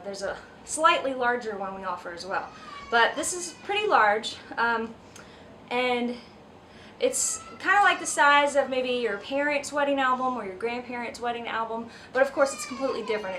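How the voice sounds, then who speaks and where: A woman's voice: on the high side, fairly bright tone. A woman wedding photographer, slightly out of breath, chatting casually with lots of ums and restarts as she shows off an album at home. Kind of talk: casual video vlog. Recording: slightly distant mic, faint household noise. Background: kids screaming upstairs.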